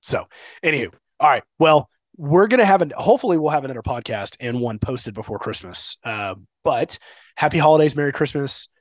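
This podcast co-host chats casually, good-naturedly needling his partner and occasionally breaking into over-the-top excitement. His medium-pitched voice is animated and brisk. It is a studio-quality recording without room sound.

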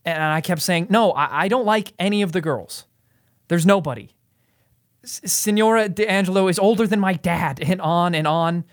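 A shy, anxious teenage boy, voiced by a young man in an audio drama. He speaks with a slightly raised pitch, stumbles over his words and hesitates. His manner is halting and pleading. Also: close to an everyday voice. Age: young adult. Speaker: nephew. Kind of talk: student radio drama acting.

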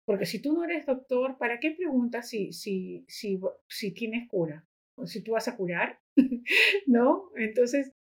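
A woman with a slightly high, breathy-edged voice is a guest on a podcast, where she's described as an educator and activist. She chats casually and tells stories, tagging her sentences with little questioning asides.

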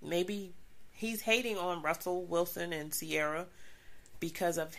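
A middle-aged mother guesting on a casual podcast, calm and measured, with a nasal voice from allergies. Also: on the low side, vocal fry. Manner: calm, measured, gently advising. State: suffering from allergies. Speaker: guest co-host, host's mother.

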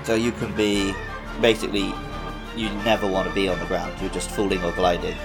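With background music playing beneath him, a man co-hosts a video game podcast and offers casual commentary. His deep voice is flat and brisk, with vocal fry.

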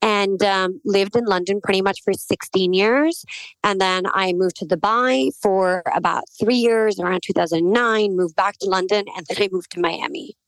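A candid woman in her forties with an American accent, talking through her career in a casual, quick-moving way. Her voice sits at a middle pitch and sounds close and dry, with no room around it. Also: clear, resonant tone, no room sound, low-quality recording. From Pakistan. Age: 40s. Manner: candid and conversational, quick storytelling with fillers. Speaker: guest, agency founder. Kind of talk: casual interview conversation.

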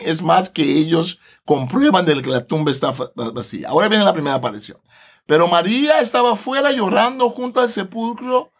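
A man's voice: high-pitched, fairly bright tone. A man, a Bible translator guest on a podcast, explaining scripture animatedly, laughing often and tagging his phrases with a questioning "no".

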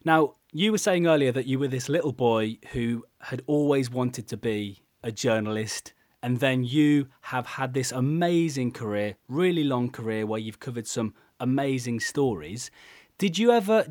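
A man's voice: medium pitch, lively intonation, normal speed, a little mellow, no echo, studio quality. A man interviewing a guest in a conversational way, as a presenter.

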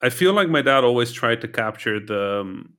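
A man's voice: mid-range voice, lively intonation, moderate pace, pushed and bright. A man from the Netherlands, a podcast guest, talking in a reflective way, thinking aloud and often adding tag questions. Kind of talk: casual interview chat.

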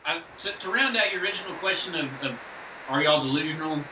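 A man's voice: on the high side, animated, quick pace, pushed and bright. Man joking, off mic with noise. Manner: jokey, stumbling restarts. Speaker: podcast co-host. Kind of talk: casual sports chat. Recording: echoey room, distant mic, background noise.

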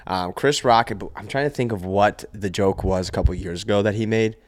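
A man's voice: fairly low pitch, moderate pace, dry recording, clean studio sound. A man co-hosting a casual podcast in a garage, chatting in an easygoing way with fillers. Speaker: podcast co-host. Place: home garage.

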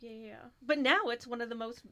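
Interviewer: woman, slightly high pitch, supportive and brief. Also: a little fast, bright, forceful tone. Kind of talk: casual interview.

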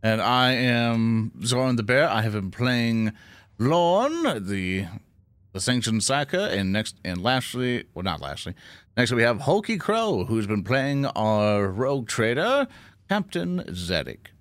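A man chats casually as a player and host of a tabletop game show. His voice is bright and forceful, with very lively intonation and a dry sound. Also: medium pitch, takes it slowly, no echo.

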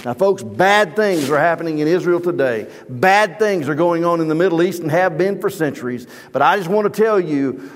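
Male pastor, middle-aged, fervent sermon delivery, slightly high voice, long hall reverb. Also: lively intonation, normal speed, hardly any pauses. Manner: fervent preaching, rising high and loud on emphasis. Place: church sanctuary.

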